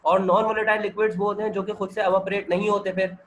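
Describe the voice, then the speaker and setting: A hoarse man, working through chemistry multiple-choice questions with a student on a video call and checking that the student follows. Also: sits high, flat delivery, fast talker, a little hiss or hum, rough recording. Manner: explains step by step and keeps checking that the student understands. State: hoarse, with a sore throat and cold. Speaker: chemistry teacher. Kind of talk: MCQ-solving lecture over video call.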